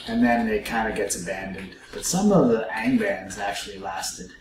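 A man's voice: fairly low pitch, moderate pace, echoey room, noisy background. A man hosting a let's play, musing aloud to his viewers in casual gameplay commentary.

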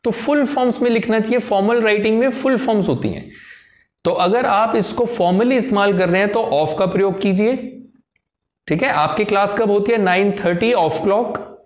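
A man's voice: sits high, moderate pace. A man teaching an English lesson in Hindi to a class, chatty and repetitive, often checking in with the students. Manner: chatty, repeats phrases, often checks with "theek hai?". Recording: echoey room.

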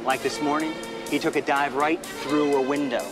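A man's voice: fairly high pitch, steady tone, normal speed, natural voice. An actor playing an eager, boastful young stuntman sidekick in a TV drama, chatting and bragging. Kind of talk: 1980s TV action drama dialogue. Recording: TV soundtrack with loud music.

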